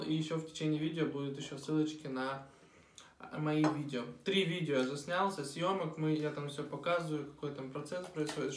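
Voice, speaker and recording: A young man chatting casually for a mukbang vlog, talking while he eats at a table. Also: fairly high pitch. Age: young adult. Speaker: vlogger. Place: small room at a dining table. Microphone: camera across the table. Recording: roomy, distant mic, clinking cutlery noise.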